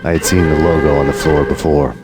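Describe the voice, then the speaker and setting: An actor playing a world-weary noir detective in a video game, narrating in a grim, deadpan hardboiled style. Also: male voice, a bass voice, fast. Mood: grim, brooding. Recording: loud music behind the voice.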